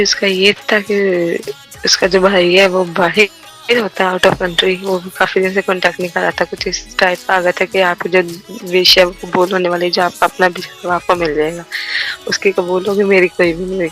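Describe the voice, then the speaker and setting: Flat, bright woman radio show caller. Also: lowish voice, moderate pace, soft background music. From Pakistan. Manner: matter-of-fact, telling a story plainly. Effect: voice heard over an internet call-in line on the radio. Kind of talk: casual phone-in chat with host. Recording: distant internet call-in line.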